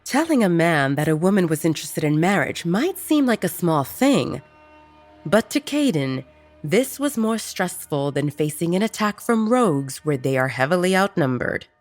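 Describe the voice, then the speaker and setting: A woman narrating a romance audiobook in a steady, even storytelling manner. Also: fairly low pitch, normal speed, faint music behind.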